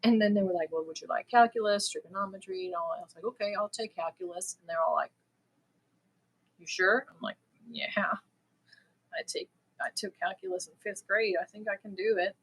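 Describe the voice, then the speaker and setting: A woman from Germany hosts a crochet live stream, chatting casually and a little nervously and prone to giggling. Her mid-range voice is a little fast with a breathy edge, and the audio is poor.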